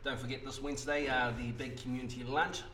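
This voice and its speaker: A man's voice: mid-range voice, level tone, fast, fairly bright tone, echoey room, slight background noise. A man hosting a casual live community radio interview, upbeat and full of ums. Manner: upbeat, many ums and awesomes. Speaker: radio host. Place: community radio broadcast from a church.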